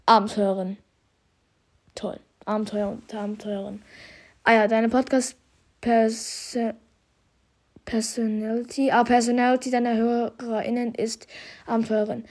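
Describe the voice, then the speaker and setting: In a mid-range, darkish voice with a steady tone, this young podcast host takes his time and pauses often. A slight head cold leaves him congested as he reads statistics in youthful slang during a casual look back at the year.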